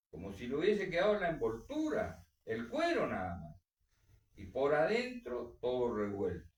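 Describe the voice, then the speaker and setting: Man reading a story with lively swings. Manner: dramatic reading with strong swings in pitch and volume. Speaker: reader. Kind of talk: literary reading. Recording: roomy echo, distant mic.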